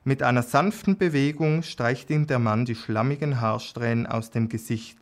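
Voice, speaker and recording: A man reading an erotic story aloud in a calm, unhurried way, with small slips and restarts. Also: medium pitch. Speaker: narrator.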